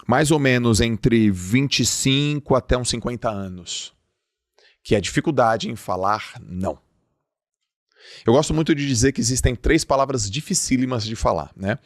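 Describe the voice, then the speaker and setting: A man's voice: medium pitch, normal speed, dry recording, studio quality. A man giving a motivational talk, emphatic and casual, acting out short everyday dialogues as he talks. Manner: emphatic, acts out little dialogues. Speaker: motivational speaker.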